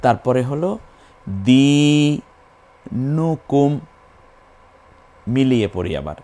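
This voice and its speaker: Man, Quran recitation teacher, patient, slow drawn-out syllables, medium pitch. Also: animated, a little mellow. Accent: Bangladeshi Bengali. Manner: patient, repeats syllables slowly, stretches vowels in recitation. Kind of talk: recitation lesson, spelling and drawn-out chanting.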